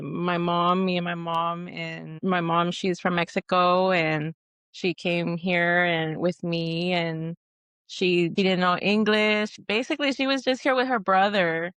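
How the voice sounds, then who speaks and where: Low, smooth-voiced woman from Texas. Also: a bit bright, dry recording. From Texas, USA. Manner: earnest, with frequent restarts and fillers. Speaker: guest, Marine veteran. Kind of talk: conversational interview answers.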